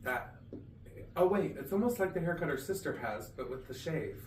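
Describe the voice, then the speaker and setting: A man's voice: a little high, animated, moderate pace. A man co-hosting a podcast, chatting playfully and rambling, recorded in a garage. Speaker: podcast co-host. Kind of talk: casual comedy chat. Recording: echoey garage, far from mic, faint noise.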